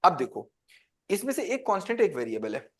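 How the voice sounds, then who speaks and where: Man, high voice, teacher, interactive lecture, asks the class questions. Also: big pitch swings, fairly quick, fairly bright tone. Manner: quizzes the class with call-and-response questions.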